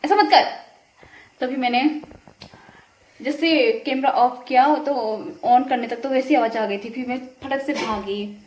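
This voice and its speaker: A woman's voice: high-pitched, fairly even intonation, a little slow, a little mellow. A woman vlogging on her phone camera, chatting casually and laughing as she retells a scare, first walking outside at night and then at home. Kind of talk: casual vlog chat.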